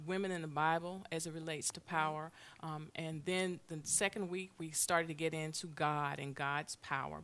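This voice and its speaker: A middle-aged woman hosting a church Bible study interview, asking questions and affirming often, on a lapel mic. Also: low voice. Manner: warm-up questions, frequent affirming "mm-hmm". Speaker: host, Bible study leader. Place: church TV studio set, seated on stage.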